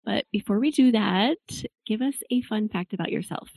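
A woman's voice: medium pitch, vocal fry, darkish tone, slightly rough, no room sound. Upbeat woman podcast host, dry sound. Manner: upbeat, enthusiastic, slows down for web addresses. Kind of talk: podcast interview and read ad.

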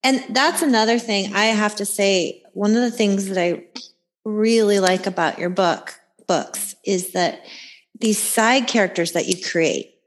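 A woman's voice: mid-range voice, unhurried. A woman interviewing an author, asking long, winding questions with restarts.

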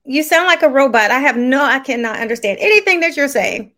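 A woman's voice: sits high, lively intonation, a little fast, sharp tone. A woman hosting a live podcast over a video call, chatty and often repeating words as she thinks. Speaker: podcast host.

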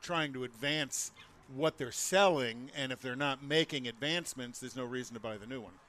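A man co-hosting a show, chiming in with quick agreeable remarks in casual chat. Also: medium pitch, bright, forceful tone. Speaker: co-host.

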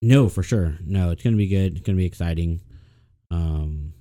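A man's voice: sits low, moderate pace, mellow. A laid-back man, co-hosting a casual podcast chat, swearing often and using lots of fillers. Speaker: podcast co-host.

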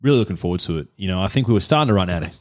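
A man with an Australian accent and a low voice co-hosts a podcast. He chats casually, in slangy, self-deprecating style. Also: animated, very fast, a little mellow. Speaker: podcast co-host. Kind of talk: casual chat.

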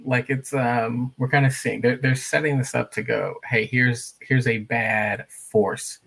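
A man co-hosts a podcast in easygoing chat, with a gravelly, fry-laden voice. His tone is somewhat raspy and breathy. He keeps things moving at a relaxed pace. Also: mid-range voice, a little slow, poor audio. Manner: laid-back, steers the episode rundown. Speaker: podcast co-host. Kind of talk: casual chat.

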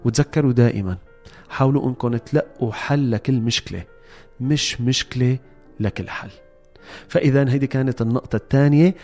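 A man speaks Levantine Arabic at a brisk clip in a mellow voice. He explains like a motivational host, instructive and emphatic, addressing his listeners directly. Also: mid-range voice. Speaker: host of a self-help series.

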